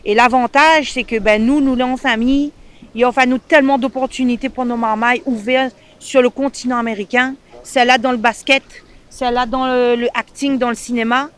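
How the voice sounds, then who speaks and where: A woman from Réunion with a Réunionnais French accent, speaking as an interviewee and mother, animated and emphatic, often checking in with the listener. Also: a little high, brisk. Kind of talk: casual interview.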